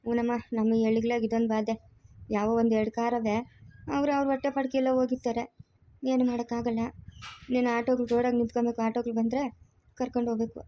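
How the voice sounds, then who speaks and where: A woman's voice: on the high side, level tone, quick pace, long pauses, dark tone, natural voice. A woman voicing a talkative, pitying old village grandmother who chats and sighs.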